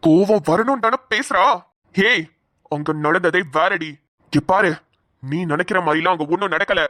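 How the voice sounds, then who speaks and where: A man's voice: high voice, moderate pace, sharp tone, dry recording, clean studio sound. A man voicing a stern young husband who bluntly warns his wife to stop. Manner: blunt, warning tone. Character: stern young husband, gruff and protective of brother.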